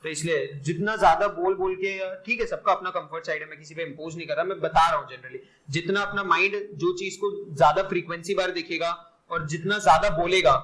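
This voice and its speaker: A man teaching biology in a classroom, loud and energetic, quizzing and praising his students. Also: on the high side, fast. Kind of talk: lively classroom lecture. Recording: noisy classroom recording.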